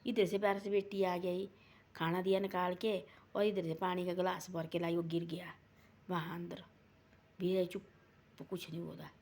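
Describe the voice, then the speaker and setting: A woman retells a family folk story in a casual, rambling, repetitive way, acting out the quoted dialogue. Her voice is on the low side and slightly mellow, with a level tone at normal speed.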